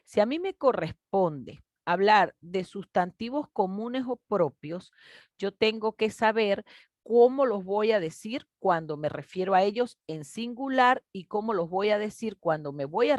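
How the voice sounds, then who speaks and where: A woman teacher, patiently explaining a grade-school grammar lesson and stretching out example words slowly. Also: mid-range voice, expressive, no echo, clean studio sound. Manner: patient, explanatory, addresses children warmly as "mis niños".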